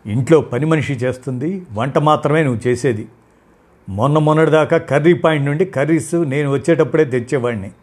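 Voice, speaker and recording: A bitter young husband who snaps and scolds in a raised, loud voice. His tone is husky and reproachful, as a male storyteller plays him. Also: a little high, fairly quick, pitched above the performer's own voice, natural voice. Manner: reproachful, snapping.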